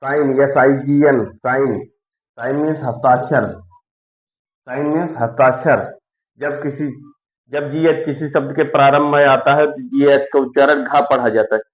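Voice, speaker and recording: A man teaching students a lesson, slowly restating each rule twice and spelling words out letter by letter. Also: medium pitch, steady tone. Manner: slow, repetitive, explains each rule twice. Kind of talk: classroom lesson. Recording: echoey room, dull lo-fi sound.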